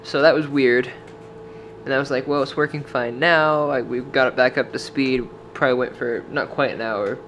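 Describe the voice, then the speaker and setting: Speaking at a moderate pace in a steady, medium-pitched voice with a bit of brightness, a young Washington state vlogger rambles through a casual, "like"-heavy story. He's in a dim motel room with a handheld camera held at arm's length for his travel vlog with voice-over, and there's faint hiss or hum.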